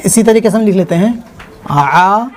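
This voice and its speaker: Guy with a pretty high voice teaching urdu writing, spells words out slow, keeps saying "theek hai na". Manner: informal, self-correcting, many "theek hai na" check-ins. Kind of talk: online writing lesson.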